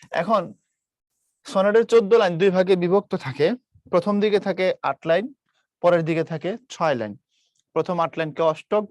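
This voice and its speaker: A man's voice: on the high side, no echo. A young man teaching an online class, repeating key points and asking students questions. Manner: explains patiently with questions to students, mixes English words. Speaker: online tutor.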